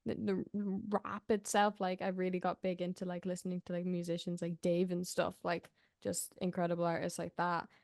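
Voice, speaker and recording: Soft-spoken young woman, dry sound. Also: fairly low pitch, completely flat delivery, a little fast, vocal fry, dry recording. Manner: soft-spoken, heavy use of "like". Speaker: interviewer. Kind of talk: casual interview chat.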